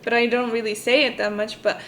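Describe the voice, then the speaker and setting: A woman co-hosting a podcast, telling a personal story and switching between English and Spanish mid-sentence. She rises high and loud when quoting her parents. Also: little pitch movement, moderate pace, a little hiss or hum. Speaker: podcast co-host.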